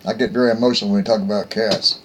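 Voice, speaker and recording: Folksy, rough-spoken man rambling. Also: on the low side, steady tone, rapid-fire, noisy background. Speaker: host. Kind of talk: casual rambling monologue.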